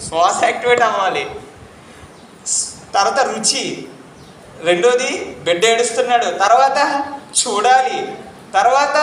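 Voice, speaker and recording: A man giving an interactive spiritual lecture to a live audience, quizzing them and pressing them to answer loudly, repeating key points like a chant. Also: very high-pitched, slight background noise. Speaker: spiritual teacher. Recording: echoey room.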